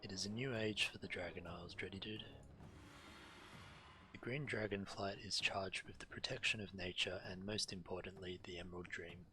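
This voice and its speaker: With game music in the background, a male streamer reads out quest text and occasionally trips over words. He speaks at a moderate pace in a low voice that sounds pushed and bright, with fairly even intonation.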